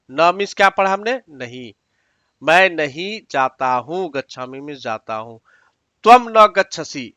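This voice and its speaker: Bright-voiced man teaching patiently. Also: on the high side, dry recording, lo-fi sound. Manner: patient, repeats each word and its meaning step by step; addresses learners directly with instructions. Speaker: Sanskrit teacher. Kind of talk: exam-prep lesson explaining sentences.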